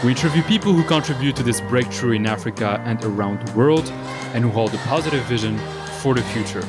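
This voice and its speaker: A man's voice: mid-range voice, fast, loud music behind the voice. A man hosting a podcast, reading a polished scripted introduction and then asking his guest questions. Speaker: podcast host.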